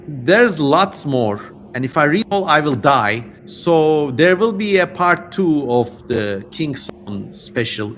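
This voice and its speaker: A man from Turkey hosts a laid-back livestream, chatting theatrically and reading viewer comments in his Turkish accent. His voice is on the high side and a bit bright, with a little hiss or hum in the recording.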